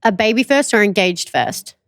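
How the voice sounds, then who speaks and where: A woman's voice: mid-range voice, very animated, normal speed, vocal fry, no echo. A woman in her late twenties from Australia chats easily on a podcast, giggling often and leaning on "like" and "mate". She has a mid-range voice, recorded close and dry. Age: 20s. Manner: chatty and giggly, says "like" often. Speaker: podcast co-host. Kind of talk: casual chat.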